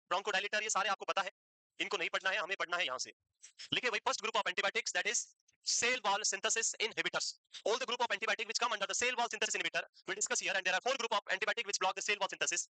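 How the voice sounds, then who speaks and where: A teacher giving a pharmacology lecture, asking the class quick questions, answering them, and repeating key terms slowly for note-taking. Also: mid-range voice, sharp tone, no echo, rough recording. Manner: quizzing students with quick questions, then answering. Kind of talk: classroom lecture mixing Hindi and English.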